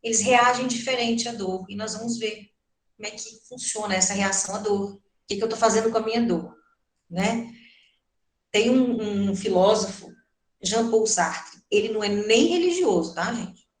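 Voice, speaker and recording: A woman's voice: mid-range voice, normal speed. A middle-aged woman with a Brazilian Portuguese accent gives a doctrinal lecture at a spiritist center. She talks in a conversational way and keeps asking her listeners rhetorical questions. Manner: conversational, asks the audience many rhetorical questions. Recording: roomy hall echo.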